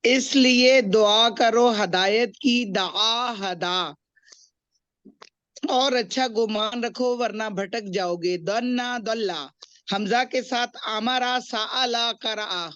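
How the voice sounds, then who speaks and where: A woman student reciting a memorized lesson in a brisk sing-song way. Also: on the high side, a bit bright, no room sound, highs cut off.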